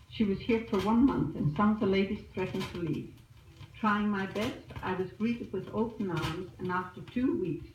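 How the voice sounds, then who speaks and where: A woman's voice: medium pitch, a little mellow, far from the mic, lo-fi sound. A woman chatting through a spoken letter to her family back home, heard as an old disc recording. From Australia. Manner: chatty, newsy storytelling. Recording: noisy echoey old disc recorded from afar.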